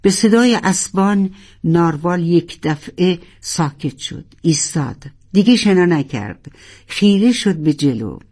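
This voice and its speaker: A storyteller reading a children's sea adventure in an expressive, colloquial way. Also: mid-range voice.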